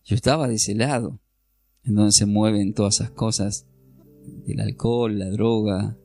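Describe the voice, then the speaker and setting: Middle-aged man, Bible teacher preaching a testimony, low and gravelly, animated, talks straight to the congregation. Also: moderate pace, faint music behind. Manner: animated storytelling, addresses listeners directly. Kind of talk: sermon with personal testimony.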